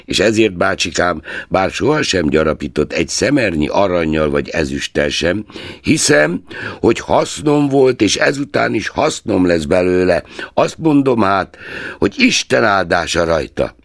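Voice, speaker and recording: An earnest, good-hearted young man argues warmly for his view, played by a male storyteller. His pitch moves a lot and rises above the reader's low base. The sound is dry and close. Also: big pitch swings, no echo, full character voice. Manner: earnest, warm pleading. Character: cheerful, persuasive young nephew.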